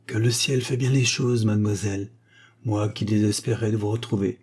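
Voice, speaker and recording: A man's voice: lowish voice, steady tone, normal speed, darkish tone, slightly rough. A man reading aloud and voicing a polite, earnest young officer in a storybook. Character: gallant young male officer, eager and courteous.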